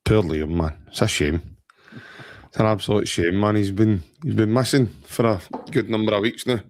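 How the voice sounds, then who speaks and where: A man's voice: fairly low pitch, moderate pace, darkish tone. A Scottish man co-hosting a football podcast in casual, joking talk, often saying mate and aye. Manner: joking, rambling, says mate and aye a lot. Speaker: podcast co-host.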